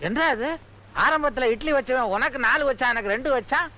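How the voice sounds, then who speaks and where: A man's voice: very high voice, fairly quick, pushed and bright, exaggerated voice. An actor playing a grumpy older man who grumbles at a wedding feast in a film comedy. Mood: complaining. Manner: grumbling, complaining, insulting.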